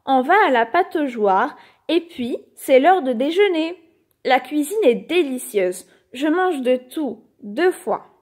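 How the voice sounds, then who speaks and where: Slow, high-voiced woman reading a storybook. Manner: expressive, animated bedtime-story reading. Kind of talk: reading a children's picture book aloud.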